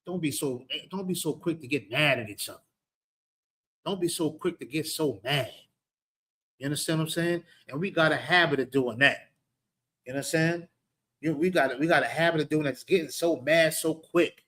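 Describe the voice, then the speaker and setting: A man's voice: a little high, normal speed, fairly bright tone. Emphatic New York man teaching scripture. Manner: emphatic, keeps asking "you understand". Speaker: class teacher. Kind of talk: street-preaching scripture class.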